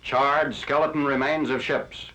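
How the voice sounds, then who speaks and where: A man giving scripted narration for an old 1940s newsreel, in a crisp, formal announcer delivery. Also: mid-range voice, little pitch movement, measured pace, sharp tone. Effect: old 1940s newsreel recording. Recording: lo-fi archival newsreel audio.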